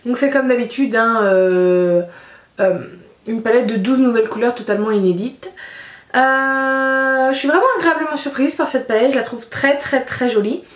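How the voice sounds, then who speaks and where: A woman's voice: a little high, normal speed, roomy sound. A woman casually reviewing a makeup palette, chatty and hesitant with frequent fillers. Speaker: beauty vlogger.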